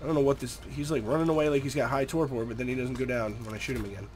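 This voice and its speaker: A young gameplay commentator speaks very fast in a steady, mid-range, slightly mellow voice over soft background music. Stuffy and nasal with a cold, he keeps the casual commentary chatty and relaxed, talking to the creatures on screen.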